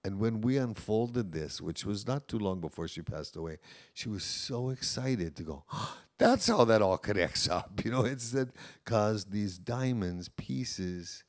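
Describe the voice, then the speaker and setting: Deep-voiced man giving an easygoing lecture. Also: measured pace, a little mellow. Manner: conversational and anecdotal, frequent "you know" asides. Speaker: professor of Hawaiian language. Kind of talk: informal lecture to an audience of teachers.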